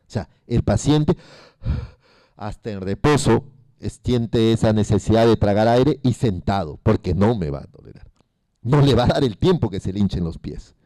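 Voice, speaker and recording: A man's voice: lowish voice, dark tone, no echo. A man giving a medical lecture to a class, asking the students questions and repeating the key terms. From Peru.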